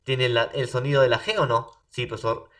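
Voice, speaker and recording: A man's voice: mid-range voice, a little fast, recorded from a distance. A male teacher with a Peruvian Spanish accent giving a recorded spelling lesson, often tagging "¿no?" and "profesor". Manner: animated, repeats "profesor" and "¿no?" as tags. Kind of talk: recorded remote language lesson.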